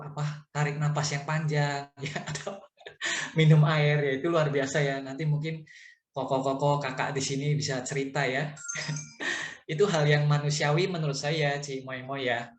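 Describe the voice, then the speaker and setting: A soft-spoken man sharing casually with a small group, laughing lightly between phrases. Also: fairly high pitch, flat delivery, moderate pace. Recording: roomy echo.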